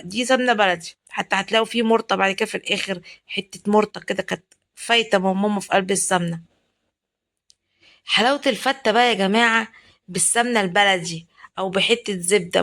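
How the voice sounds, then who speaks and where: Talking directly to her audience, an Egyptian-accented cooking vlogger chats and exclaims through a relaxed video shot in her home kitchen. Her medium-pitched voice is fairly bright, with some vocal fry.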